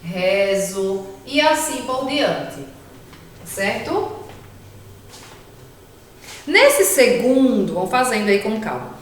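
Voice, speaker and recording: Slow, patient Brazilian woman teacher, echoey. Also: medium pitch, very animated, distant mic, slight background noise. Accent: Brazilian Portuguese. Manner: slow, patient, sounds out words. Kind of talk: remote class lesson for children. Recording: echoey room, voice from off mic.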